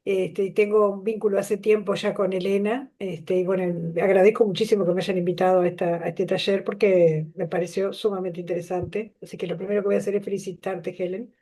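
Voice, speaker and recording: A woman's voice: mid-range voice, level tone, fairly quick, few pauses, mellow. A middle-aged woman from Uruguay with a Uruguayan accent, a teacher educator speaking thoughtfully in a workshop discussion over a video call. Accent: Uruguayan Spanish. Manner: thoughtful, uses filler "este".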